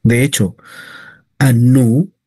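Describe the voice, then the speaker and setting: A man teaching Hebrew grammar, slowly repeating each word form several times. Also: medium pitch, fairly even intonation, mellow, husky, no room sound. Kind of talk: grammar lesson.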